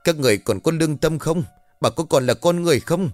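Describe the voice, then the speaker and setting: A man's voice: fairly high pitch, fast talker, a little mellow, no room sound, faint music behind, voice pushed up, close to an everyday voice. A man voicing a young servant girl who pleads and cries out in grief. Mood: accusing.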